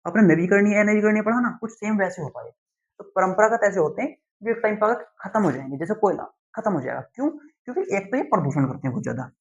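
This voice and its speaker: A young male teacher lectures slowly and deliberately, pausing often to check that students follow. His voice sits a little high for a man. The recording sounds dull and lo-fi. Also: animated, creaky. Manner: slow, deliberate explaining with frequent "theek hai" check-ins. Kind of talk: classroom lecture.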